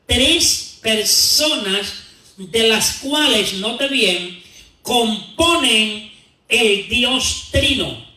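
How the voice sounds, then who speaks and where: A man preaching a Bible teaching in a church, slow and deliberate, repeating key words for emphasis. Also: very high-pitched, animated, pushed and bright, echoey room, far from the mic, rough recording.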